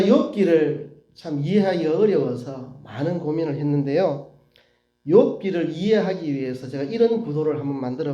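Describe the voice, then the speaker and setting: A male pastor preaching a sermon in an animated way, acting out quotes and often tagging on rhetorical questions. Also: a little high, roomy sound, dull audio. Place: church sanctuary.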